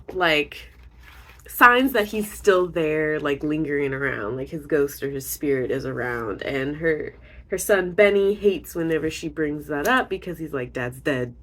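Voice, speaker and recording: A young woman with a slightly low voice talks through a book she is reading, full of "like" and "um". She rambles in a loose, casual way and slips into quick acted quotes of the characters. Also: fairly bright tone. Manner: rambling, lots of likes and ums. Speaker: vlogger.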